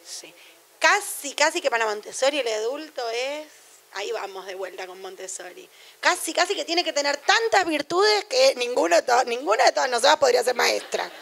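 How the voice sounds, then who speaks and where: A woman's voice: high voice, sing-song, moderate pace, creaky, a bit bright. A middle-aged woman with a Rioplatense Spanish accent giving a university lecture on education in a chatty, digressive way, full of anecdotes and asides.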